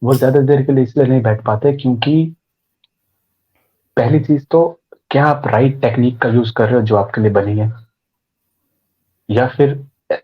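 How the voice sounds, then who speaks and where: Man, husky, podcast guest, conversational explaining, acts out inner voices, muffled lo-fi sound. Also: medium pitch. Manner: explains with acted inner voices and everyday examples. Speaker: podcast guest, meditation teacher.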